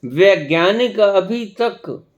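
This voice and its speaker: A man giving a spiritual discourse as a teacher, speaking slowly and emphatically with long pauses. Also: sits high, lively intonation, highs cut off. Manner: slow, emphatic, with long pauses and rising stresses.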